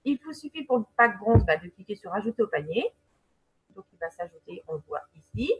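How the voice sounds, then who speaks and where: A woman's voice: mid-range voice, big pitch swings, a little fast, slightly rough, highs cut off. A woman presenting a webinar, explaining a website step by step in a chatty way, with many fillers and check-ins to her viewers. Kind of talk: screen-share software walkthrough.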